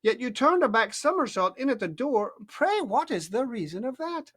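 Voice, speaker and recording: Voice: mid-range voice, big pitch swings, a bit bright, pitched above the performer's own voice. A parent reading aloud, voicing a polite, anxious young girl in a raised voice that stumbles over words. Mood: reciting. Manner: raised, hurried, slightly stammering.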